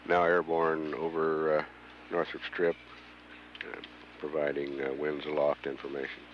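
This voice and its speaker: A muffled, humming feed carries a man with an extremely deep voice. He gives mission control commentary haltingly, pausing often between phrases. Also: completely flat delivery. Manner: halting, frequent long hesitations. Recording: dull mission audio feed, hum and noise.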